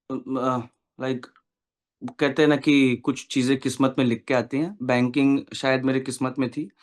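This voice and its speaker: Slow-spoken earnest man in his thirties. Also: mid-range voice, clear, resonant tone. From Kolkata, India. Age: 30s. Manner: earnest, hesitant with many fillers, mixing English and Hindi. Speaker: interview guest, bank officer. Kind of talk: casual interview talk.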